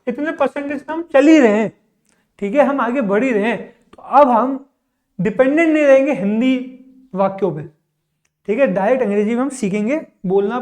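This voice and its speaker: A male teacher leading a spoken English lesson, asking questions and then answering them himself. He mixes two languages freely and keeps checking in with his class. Each English example comes out slow and deliberate. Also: very high voice. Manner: reads English example sentences slowly and deliberately; mixes Hindi and English, repeats a verbal tic meaning "okay".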